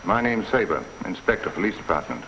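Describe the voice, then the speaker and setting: Cool terse police inspector. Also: male voice, lowish voice, big pitch swings, brisk, a bit bright, slight background noise. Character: calm, dry-witted male police inspector. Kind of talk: 1950s radio drama acting. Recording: dull lo-fi vintage radio recording.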